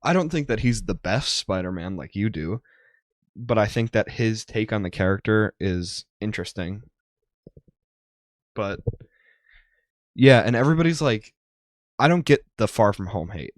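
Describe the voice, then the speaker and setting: A man's voice: on the low side, expressive, normal speed, pauses often, no echo, clean studio sound. A young man co-hosting a podcast, chatting casually and rambling with lots of ums. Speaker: podcast co-host. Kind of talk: casual chat.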